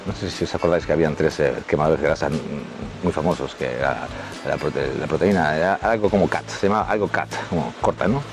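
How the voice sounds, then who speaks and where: Low-voiced Spanish man telling stories. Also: fairly quick, creaky, over music. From Spain. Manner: rambling, with many restarts and fillers; acts out quoted dialogue in a raised voice. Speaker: adult film actor telling anecdotes. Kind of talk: casual storytelling to camera.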